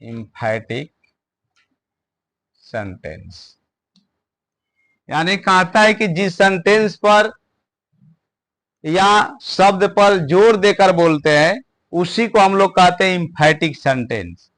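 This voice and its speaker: A man teaching English grammar in a classroom lesson, slowly repeating phrases word by word. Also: high voice, lively intonation, fairly bright tone. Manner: slow, repeats words one at a time for stress.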